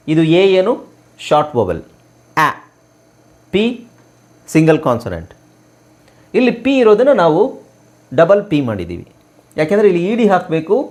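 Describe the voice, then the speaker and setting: A man from Karnataka teaching English spelling rules in a spoken lesson, spelling words out letter by letter and asking rhetorical questions. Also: a little high. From Karnataka, India.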